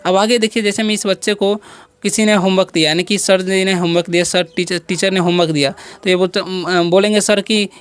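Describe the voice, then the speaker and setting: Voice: mid-range voice, steady tone, brisk, clean tone. Patient teacher drilling with quiz-like repetition. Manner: drills by asking and answering own questions. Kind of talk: English vocabulary lesson for children.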